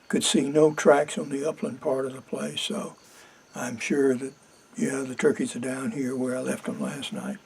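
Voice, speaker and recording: An older man vlogging quietly from a duck blind while turkey hunting, in a rambling, folksy way. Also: mid-range voice, gravelly, breathy edge, poor audio. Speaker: hunter vlogger. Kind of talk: casual outdoor vlog.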